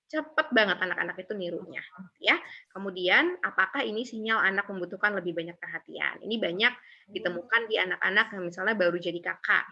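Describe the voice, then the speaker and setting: Speaking fairly quickly in a mid-range voice, a woman talks conversationally in a webinar on parenting young children. She leans on filler tags and often plays out what parents might say. The audio, from a video call, sounds dull.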